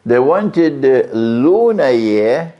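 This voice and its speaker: A male Islamic preacher lectures a live audience on religion, questioning his listeners and repeating key phrases. He speaks very slowly in a sing-song, dark-toned voice of medium pitch. The recording from the lecture venue is dull and lo-fi.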